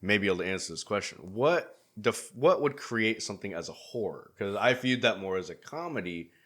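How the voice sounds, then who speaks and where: A man's voice: lowish voice, expressive, a little fast, fairly bright tone. A young man guesting on a podcast, chatting casually and asking questions. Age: young adult. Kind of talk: casual chat.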